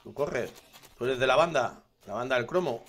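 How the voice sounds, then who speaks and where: A man with a Spain Spanish accent giving live gameplay commentary, excitable, swearing constantly and laughing often. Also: medium pitch, normal speed. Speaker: gaming streamer.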